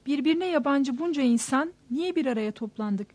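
A woman's voice: high-pitched, animated, normal speed, darkish tone, dry recording. A woman voicing the inner thoughts of an anxious, troubled man riding a bus, in a tense, questioning way. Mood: brooding.

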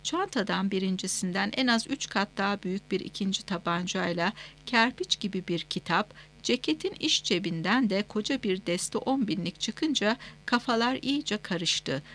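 A woman narrating a novel as an audiobook, reading in a steady, measured way with clear phrasing. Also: mid-range voice.

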